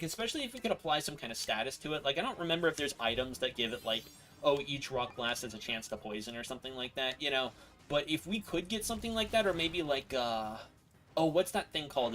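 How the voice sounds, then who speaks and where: A man live-streaming a video game, chatting excitably with his viewers as he plays. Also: mid-range voice. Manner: excitable, chatty, talks to viewers while playing. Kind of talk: live-stream gameplay commentary.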